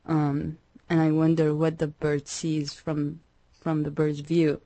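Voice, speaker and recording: A young woman from Iraq, a musician guest in an interview, speaking hesitantly with many pauses and restarts. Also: low voice, completely flat delivery, mellow, no room sound. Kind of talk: radio interview.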